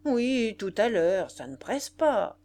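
A sly, easygoing fisherman, read by a woman narrator, brushes things off in a slow, offhand drawl. His storybook voice stays relaxed and in no hurry at all. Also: high voice, heavily acted.

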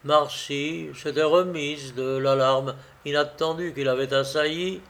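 A man narrating a novel as an audiobook, with a measured, dramatic reading. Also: fairly high pitch, fairly even intonation, fairly bright tone.

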